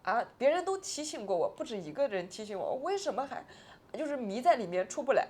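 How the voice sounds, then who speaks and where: As an interview guest, a woman in her forties shares a painful personal story in a fast, sing-song voice that is on the high side with a darkish tone. Tearful and agitated, she swings between subdued and raised volume.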